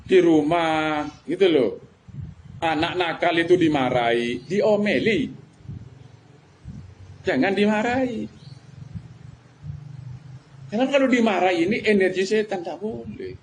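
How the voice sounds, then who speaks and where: A man's voice: sits high, unhurried, pauses often. A middle-aged man with a Madurese-Javanese Indonesian accent giving a religious lecture, emphatic and full of rhetorical questions. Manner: emphatic, rhetorical questions, mixes colloquial words. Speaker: preacher. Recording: faint background noise.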